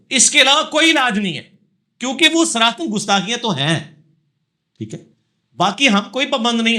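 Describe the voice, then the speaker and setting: A religious scholar fields audience questions in a live session, his high-pitched voice pushed and bright. He lectures emphatically and checks in with tag questions.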